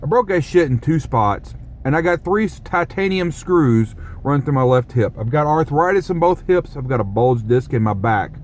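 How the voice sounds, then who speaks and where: A man's voice: fairly high pitch, expressive, moderate pace, darkish tone, slight background noise. A man who rambles, jokes and swears through a casual vlog monologue. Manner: rambling, joking, profane. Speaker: vlogger.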